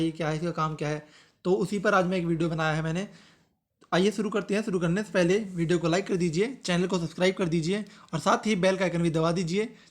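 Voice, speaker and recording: A man teaching a grammar lesson as the channel's host, repeating his phrases and slowing down to read example sentences aloud. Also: high voice. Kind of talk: exam-prep grammar lesson.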